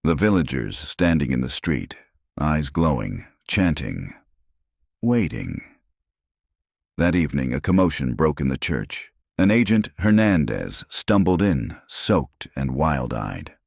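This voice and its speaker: A man's voice: extremely low pitch, sing-song, takes it slowly, gravelly, darkish tone, breathy edge, dry recording, studio quality. A man giving dramatic, suspenseful scripted horror narration.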